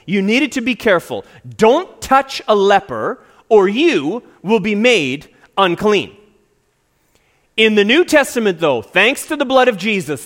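A male pastor delivers an earnest sermon in a high voice that swings widely in pitch. He leans hard on key words for emphasis. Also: fairly bright tone. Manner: earnest, preaching with emphatic stresses.

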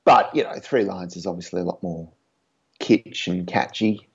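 A man with a creaky, husky voice, co-hosting a casual sports podcast. He rambles, hesitates with plenty of fillers and breaks into laughs as he talks. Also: sits low, normal speed, highs cut off. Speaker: podcast co-host.

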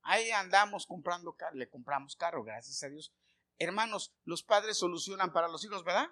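A middle-aged pastor delivers a sermon at a fairly quick clip, his voice sitting high. He tells homely stories and fires questions at the congregation, swinging from loud calls to quiet asides.

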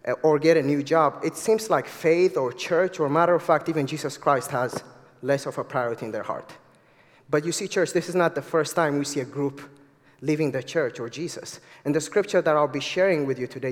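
A man's voice: a little high, big-room sound. A man in his twenties from Ethiopia with an Ethiopian accent, preaching an earnest, eager sermon to a church congregation. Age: 20s. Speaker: guest preacher. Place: church sanctuary.

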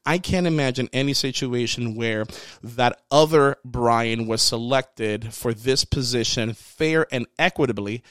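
A man with a medium-pitched voice, recorded dry with little room sound. He talks like a host offering opinion and advice straight to his listeners. His delivery is conversational and earnest, with key phrases repeated for emphasis. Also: a little slow, a bit bright, clean tone, no echo. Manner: conversational, addresses listeners directly as folks. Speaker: host giving workplace hiring advice. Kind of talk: casual opinion commentary with practical tips.

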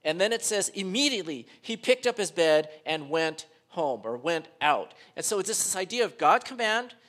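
Fairly high-voiced man preaching a sermon. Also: big pitch swings, normal speed, a bit bright. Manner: conversational preaching with frequent fillers and restarts; dramatizes quoted speakers, dropping his voice for emphasis. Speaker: pastor.

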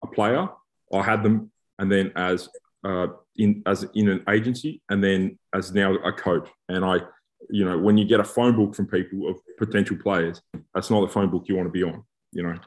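A man's voice: deep voice, fairly even intonation, moderate pace. A man chatting casually on a podcast in a blokey, joking, slangy way. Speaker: podcast co-host, rugby player turned coach.

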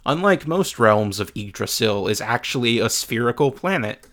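A man co-hosting a casual movie podcast, recapping the plot with a dry, deadpan humor. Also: mid-range voice, moderate pace. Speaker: podcast co-host.

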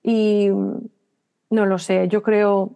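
A middle-aged woman from Spain with a Spanish accent, a writer and guest on a podcast interview, telling stories briskly and acting out remembered dialogue, often restarting her sentences. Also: medium pitch, level tone, mellow, clear, resonant tone. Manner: talks in quick bursts with restarts and self-corrections.

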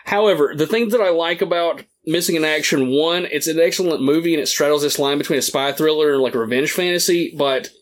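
A man's voice: a little high, brisk, hardly any pauses. Enthusiastic swearing man arguing a pick. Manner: enthusiastic, swears freely, rambling with fillers. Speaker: podcast co-host arguing a movie pick. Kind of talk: casual debate chat.

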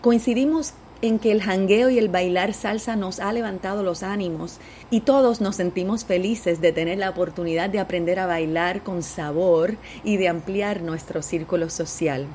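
A woman's voice: mid-range voice, normal speed, a little mellow. A Puerto Rican woman talks straight to her listeners in a chatty, upbeat monologue. Her voice sits in a middle register. A faint hiss runs beneath it. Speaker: podcast host. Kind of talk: personal podcast intro monologue.

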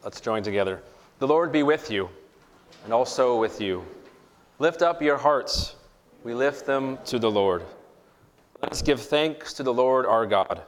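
A pastor leading an Easter communion liturgy, speaking in a measured, earnest way, with a long cathedral-like echo around his voice. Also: medium pitch, expressive, a little hiss or hum. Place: church sanctuary. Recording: long reverb in a large church hall.

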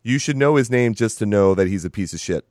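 A man's voice: on the low side, lively intonation, fast, darkish tone, no room sound. A young adult man hosting a podcast in casual chat, congested from sinus trouble, with a dry, self-mocking humor. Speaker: podcast host.

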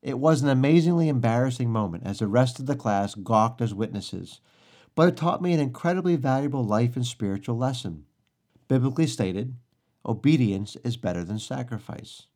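A middle-aged man preaching a devotional sermon, earnest and measured, repeating key lines for emphasis. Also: medium pitch, animated, darkish tone.

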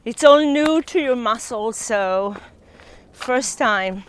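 A woman with a slightly high voice coaches a runner on a hilly outdoor trail, keeping up a steady stream of encouraging, instructive tips. A faint hiss sits under her voice. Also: slow. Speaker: running coach. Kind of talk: coaching on the run.

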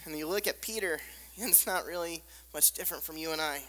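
A pastor with a squeaky voice delivers a fast sermon, driving points home through emphatic repetition and then dropping to soft, near-whispered lines. The recording carries the long reverb of a large hall.

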